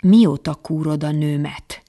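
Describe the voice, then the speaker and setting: A frightened grown man who stammers and trembles, as the reader puts him on. His voice is heavily gravelly and full of fry, held at an ordinary middle pitch. He comes across as a quiet, shaken figure in an audiobook reading. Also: no echo, studio quality. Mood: tense. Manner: hesitant, stammering delivery.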